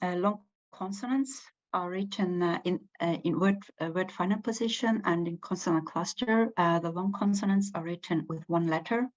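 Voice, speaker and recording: A language teacher, a woman and native Estonian speaker with an Estonian accent, gives an unscripted lecture full of fillers, restarts and hesitation. Her fairly low voice moves at normal speed with few pauses. The recording sounds muffled.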